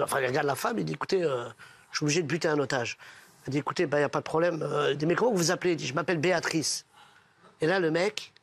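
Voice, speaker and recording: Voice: medium pitch, vocal fry, fairly bright tone, dry recording. A person telling jokes casually among friends, switching voices for each character. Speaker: joke teller.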